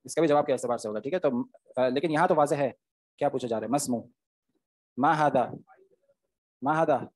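A man's voice: medium pitch, a little fast, long pauses. A man, teaching Arabic grammar in an online class, explaining step by step and often checking "okay?" with his students.

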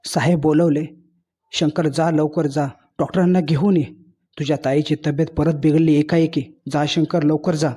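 Man doing a sad gentle husband, kinda husky and soft, slightly high. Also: level tone, normal speed. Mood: urgent. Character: grieving loving husband, gentle and remorseful.

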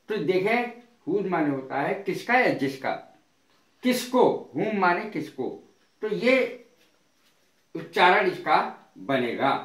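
A man teaching an English lesson, speaking deliberately and spelling words out letter by letter. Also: high-pitched, fairly bright tone, echoey room. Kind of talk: spoken language lesson.

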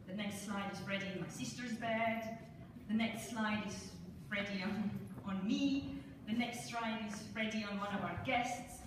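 A middle-aged woman from Estonia telling a gently humorous story to a congregation, speaking with pauses into a handheld mic. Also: on the high side. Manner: slow, warm-humored, with pauses. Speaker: church speaker. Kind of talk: storytelling talk with slides. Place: church hall. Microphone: handheld mic, filmed from the congregation. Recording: echoey hall from far off, noisy.

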